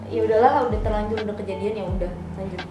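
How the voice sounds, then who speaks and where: A woman guest on a podcast, telling a personal story in casual chat, halting and confessional. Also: medium pitch, steady tone. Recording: roomy room with background music.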